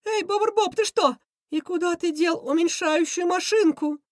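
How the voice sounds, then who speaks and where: A jittery, squeaky male rat schemer who keeps shrieking and fretting, as a woman reading an audiobook puts him on. The voice sits very high and sounds nothing like her usual tone. The recording is dry and close. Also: moderate pace, no echo. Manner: nervous, excitable, shrieking. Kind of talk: audiobook character voice.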